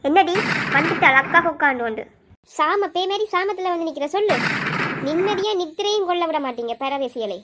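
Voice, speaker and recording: A woman's voice: very high voice, animated, a little fast, very noisy. A woman with a Sri Lankan Tamil accent voicing a harsh, scornful mother who scolds and mocks in a cartoon. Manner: scolding, sarcastic. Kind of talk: cartoon voice acting.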